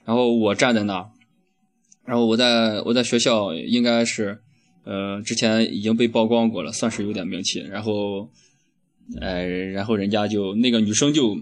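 A man's voice: lowish voice, fairly even intonation, normal speed. A young man hosting a casual comedic chat, ranting with heavy profanity and frequent laughs. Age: young adult. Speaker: host.

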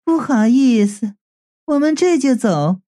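A reader voicing a sly, calm young woman who talks softly and knowingly in an audiobook story. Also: medium pitch, takes it slowly, pitched above the performer's own voice. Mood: soothing. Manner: soft, hushed and knowing. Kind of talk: audiobook character voice.

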